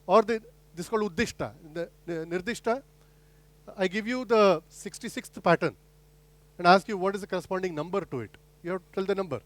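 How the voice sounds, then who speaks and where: A man's voice: high-pitched, fairly quick, no echo. A middle-aged man giving an academic lecture, explaining step by step with rhetorical questions and frequent restarts. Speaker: guest lecturer.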